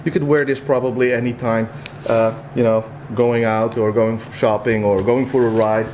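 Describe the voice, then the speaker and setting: A man with a Dutch accent co-hosting a casual unboxing vlog, talking in a relaxed, rambling way with lots of "uh" fillers. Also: mid-range voice, normal speed, slight background noise. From Netherlands. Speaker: vlog co-host.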